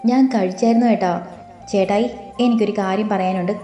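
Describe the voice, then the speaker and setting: A woman voicing an eager young woman, naive but sharp-tongued when crossed, in an audio story. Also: medium pitch, fairly even intonation, a little fast, natural voice. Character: young woman, lively, naive, quick to bristle. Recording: roomy with faint music.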